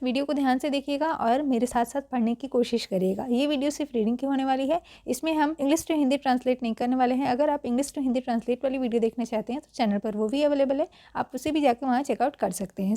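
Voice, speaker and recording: A woman's voice: sits high, mellow, no echo, studio quality. A woman teaching English reading in Hindi, patiently repeating each word and quizzing the viewer.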